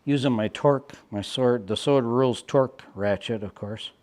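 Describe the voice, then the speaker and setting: A man's voice: mid-range voice, moderate pace, a little mellow. A man narrating a casual how-to while working in his own vehicle, with a wry, self-deprecating, muttering manner. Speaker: DIY car vlogger.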